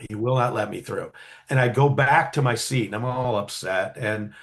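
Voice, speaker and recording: A man's voice: medium pitch, normal speed. Chatty man telling a childhood story. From California, USA. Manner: animated, acts out quoted voices, frequent fillers. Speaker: guest storyteller. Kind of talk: casual storytelling interview.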